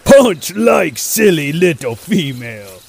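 Dim, gravelly super mutant brute. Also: male voice, a little high, sing-song, slow, darkish tone, a little hiss or hum, exaggerated voice. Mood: dim friendly. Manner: broken caveman speech, talks of himself by name. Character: hulking male super mutant, dim and friendly.

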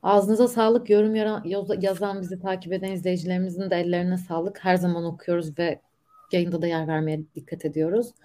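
A woman's voice: fairly low pitch, little pitch movement, quick pace, warm tone. A woman hosting a live online discussion in a conversational, courteous and appreciative way.

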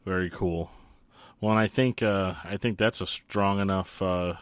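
A man's voice: low voice, steady tone, measured pace, smooth, dry recording, clean studio sound. A man hosting a podcast, talking casually like an enthusiastic music fan. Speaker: podcast host and interviewer. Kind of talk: casual chat.

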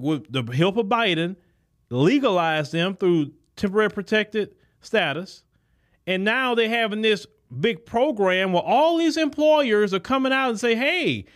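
A man's voice: high-pitched, fairly bright tone. A man hosting a podcast, giving an indignant, emphatic political commentary monologue. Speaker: podcast host.

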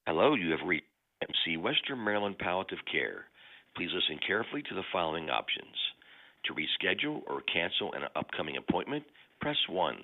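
A man's recorded phone menu message, read in a measured, formal way over a phone line. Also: low-pitched, very animated. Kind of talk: scripted announcement.

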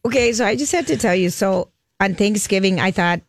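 A woman hoarse from laryngitis, her raspy voice cracking into a whisper as she chats casually and animatedly, acting out quotes as a co-host. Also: medium pitch, fairly quick. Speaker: talk show co-host. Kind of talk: casual chat.

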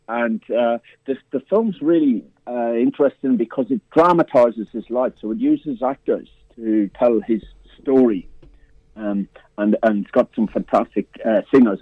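On a tinny, dry phone line, a medium-pitched man with no room sound describes films in a radio interview. He works as a film festival programmer and often stops mid-thought, starts again, and fills in with plenty of fillers.

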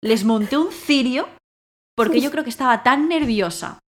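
A woman telling a story in casual conversation, acting out her own lines with bursts of loudness. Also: high voice, moderate pace. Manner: animated, acts out her own quotes loudly. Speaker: guest.

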